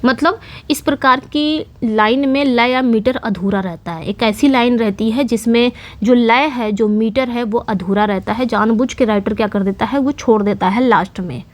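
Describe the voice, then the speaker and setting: A woman gives an online literature lesson in a fairly high voice. She explains each term patiently, repeats key points, and poses questions she then answers herself. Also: moderate pace. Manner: explanatory, repetitive, asks and answers own questions. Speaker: English literature teacher. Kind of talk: online lecture in Hindi mixed with English terms.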